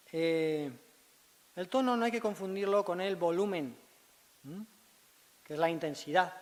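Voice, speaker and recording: Guy explaining voice care at a congress, a bit high voiced, keeps tossing in little checks to the crowd, big echoey hall. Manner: teacherly, constantly checks in with tag questions. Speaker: speech therapist. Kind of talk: conference presentation. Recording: long reverb of a large hall.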